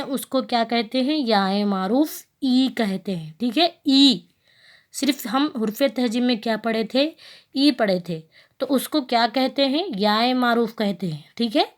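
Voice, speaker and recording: A woman with a Hyderabadi Urdu accent teaching young children to read, patiently asking questions, repeating herself and spelling out letter sounds slowly. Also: on the high side. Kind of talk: children's Urdu reading lesson.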